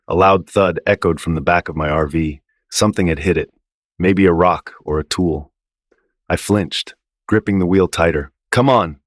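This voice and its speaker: A man reading a first-person horror story in a low, tense storytelling manner. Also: no echo, clean studio sound. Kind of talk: scripted first-person narration.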